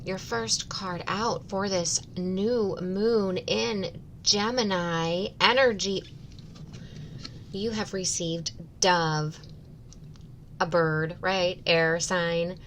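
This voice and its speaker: A woman giving a spiritual oracle card reading in measured, deliberate phrases with pauses between them. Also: on the low side, steady tone, a little hiss or hum. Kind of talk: slow, spiritual guided card reading, partly read out.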